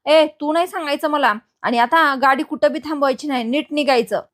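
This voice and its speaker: A woman's voice: high-pitched, a little fast, fairly bright tone. A woman voicing a scheming young man in a retold serial, pushy and insistent. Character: scheming young man, a factory owner's brother.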